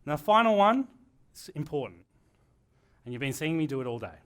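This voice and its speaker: A man presenting a live workshop lesson to a room, talking in an energetic, joking way. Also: on the high side, normal speed, clear, resonant tone.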